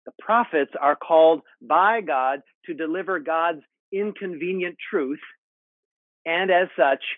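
Male pastor in his forties, slow and deliberate, slightly high voice, home sermon over a narrow, phone-like call. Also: no echo. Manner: measured, deliberate preaching with expressive hand gestures. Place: home study with bookshelves, indoors. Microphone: earbuds on a video call. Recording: phone-like narrow sound, dry.

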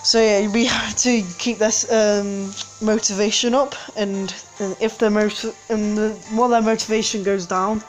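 A woman's voice: mid-range voice, little pitch movement, moderate pace, hardly any pauses, faint music behind. A woman hosting a game channel, giving casual gameplay commentary indoors at home, rambling with frequent hesitations and self-corrections. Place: indoors at home, street outside.

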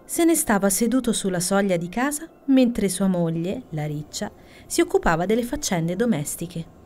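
A woman reading a children's bedtime story aloud, in a soft, calm narrating voice. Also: mid-range voice, normal speed, a little hiss or hum.

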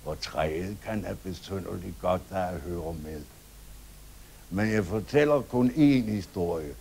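Man doing a hushed little storytelling man. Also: low voice, vocal fry, slight background noise, voice pushed down. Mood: genial. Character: small stout man telling children a tale, calm.

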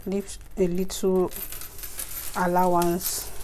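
A woman's voice: fairly low pitch, completely flat delivery, slow pace, mellow, a little hiss or hum. A woman hosting a craft channel, talking through a sewing tutorial in a casual, chatty way, with a tired voice and instructions she repeats. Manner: chatty, repeats instructions, frequent "okay" and "so guys".

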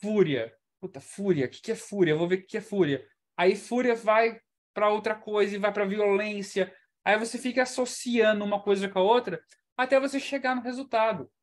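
A man's voice: high-pitched, fairly quick. Man, English teacher, online class, video call mic, chatty, explanatory. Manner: chatty, explanatory, ends points with "tá?".

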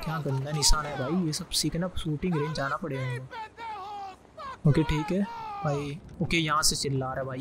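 A man giving live gameplay commentary, excitedly shouting quick callouts. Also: fairly high pitch, background noise. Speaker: gaming YouTuber.

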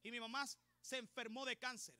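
A man preaching a sermon with fervor, building up to shouting. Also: very high-pitched, level tone, a little fast, no echo.

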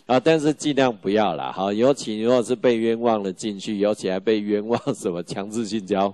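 A middle-aged man, lecturing law exam students in a joking, animated way and firing rhetorical questions at the class. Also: on the low side, a little fast, dry recording.

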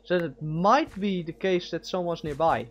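A man with a slightly high voice talks through a game with his teammates. He stammers and repeats himself, eager and quick, casual in tone. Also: a crowd in the background. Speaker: game player. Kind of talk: casual team chat while gaming.

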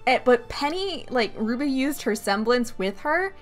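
Brief: young woman, reaction host, higher voice, gushing and rambly, curses a lot, faint music under her. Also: measured pace. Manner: excitable, rambling, swears freely, laughs often. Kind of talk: casual reaction commentary.

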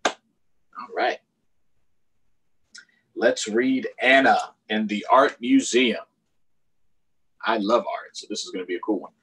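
A middle-aged American man hosts a children's storytime over a video call from a small room at home, reading expressively and explaining things chattily. His voice is lowish, a bit bright and slightly rough, slow with long pauses. The computer or tablet audio is poor.

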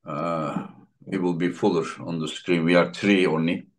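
A man with a fairly low voice hosts a relaxed video-call interview. He is chatty and keeps dropping quick repeated affirmations as his guests talk. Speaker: podcast host.

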